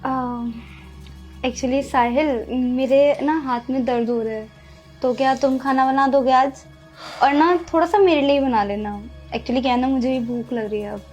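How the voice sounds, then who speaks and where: Lady doing a spoiled young wife who ditched her husband, really high voice, slips in english, faint music. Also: a little slow, a little mellow. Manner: dismissive, pleading, mixes English phrases. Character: selfish young woman who left her husband for money. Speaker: actress playing Rubika, an unfaithful wife. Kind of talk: Hindi short-film drama acting.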